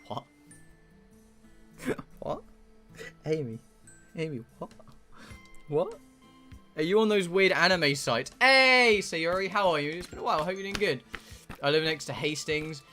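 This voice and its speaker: With a fairly high, pushed and bright voice, an Englishman with a southern accent streams games and chats bluntly and casually, rambling on and cursing freely.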